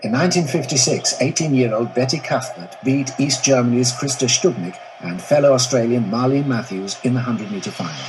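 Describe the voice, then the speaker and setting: A man reads the commentary of an old newsreel in a steady, scripted announcer style. His voice sits back from the microphone. A clear layer of noise runs under the old soundtrack. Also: mid-range voice, distant mic. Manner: steady announcer delivery reading results. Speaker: newsreel narrator. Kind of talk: scripted sports newsreel narration.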